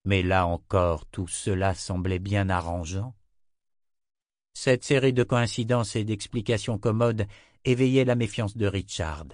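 A man with a low voice reads a fantasy novel aloud, measured and steady. The recording is close and completely dry, with no room around it. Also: no echo. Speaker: audiobook narrator. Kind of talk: scripted narration.

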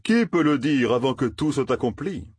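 A man voicing a sly, theatrical male peddler who spins his news slowly and grandly, in an audiobook. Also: medium pitch, expressive, darkish tone, husky, no room sound, voice pushed up. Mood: grandiose. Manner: drawn-out, pompous storytelling. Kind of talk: audiobook character voice.

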